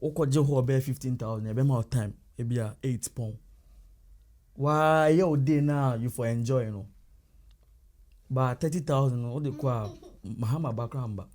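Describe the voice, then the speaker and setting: A man with a Ghanaian accent speaks as an interview guest, animated and easygoing. He mixes pidgin phrases into his speech in a mid-range voice. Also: mid-range voice, normal speed. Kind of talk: casual chat.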